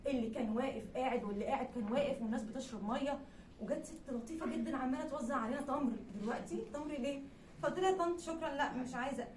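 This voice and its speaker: A young woman with an Egyptian accent telling a comic story at a live event, animated and laughing through her words. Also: sits high, rapid-fire. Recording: echoey room, distant mic, background noise.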